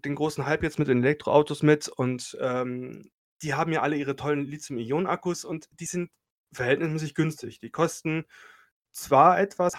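Hesitant man in his late thirties. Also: on the high side. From Germany. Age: late 30s. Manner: hesitant, many fillers and restarts. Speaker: podcast co-host. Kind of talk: casual podcast chat.

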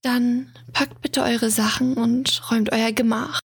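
Cool composed princess, whispered by a woman, whispered role-play, dry and measured, husky high. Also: little pitch movement, exaggerated voice.

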